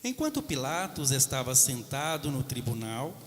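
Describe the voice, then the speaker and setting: A man narrating the Passion Gospel in church, reading slowly and steadily. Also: mid-range voice, big pitch swings. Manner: slow, measured reading. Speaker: reader of the Passion. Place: large cathedral. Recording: echoey cathedral hall.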